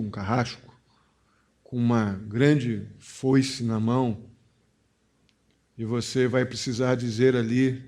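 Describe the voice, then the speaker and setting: A man with a Brazilian Portuguese accent, a pastor preaching a sermon, stressing key phrases and then dropping to a quiet, confiding tone. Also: medium pitch.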